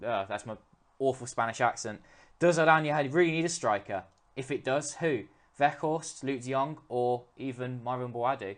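A man's voice: mid-range voice, moderate pace. A man hosting a podcast, reading listener questions aloud and chatting conversationally with hesitant fillers. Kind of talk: casual podcast discussion.

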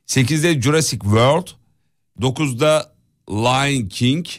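A man's voice: medium pitch, slow. A man hosting a casual morning show, reading out film charts and teasing his co-host. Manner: teasing, reads out lists. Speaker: radio host.

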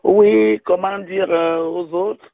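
A woman calling in to a radio show over a phone line, speaking haltingly with many restarts. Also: medium pitch, steady tone, creaky, no room sound. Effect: caller heard over a phone line. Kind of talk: call-in testimony.

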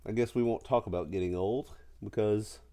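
A man's voice: fairly low pitch, moderate pace, mellow. A middle-aged man who is sick with a cold, chatting casually and jokingly as a podcast co-host. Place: at home in a house.

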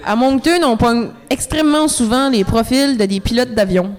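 A woman's voice: fairly high pitch, moderate pace. A young woman with an Acadian French accent, co-hosting a casual radio chat and mixing in English words. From Acadian Peninsula, New Brunswick. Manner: chatty, giggly, mixes English words. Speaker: radio co-host. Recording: reverberant studio sound.

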